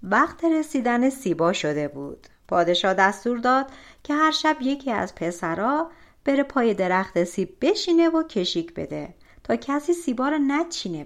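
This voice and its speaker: Woman narrating an audiobook of folk tales, lively swoopy delivery, kinda high pitched. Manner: expressive, animated storytelling.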